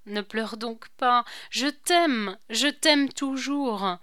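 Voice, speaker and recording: A woman's voice: fairly high pitch, very slow, fairly bright tone, smooth, no echo, clean studio sound. Woman reading as a tender young nobleman.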